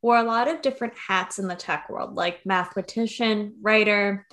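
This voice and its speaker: A woman's voice: mid-range voice, moderate pace, fairly bright tone. A woman co-hosting a podcast, reading promos and narration in an upbeat way. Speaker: podcast co-host.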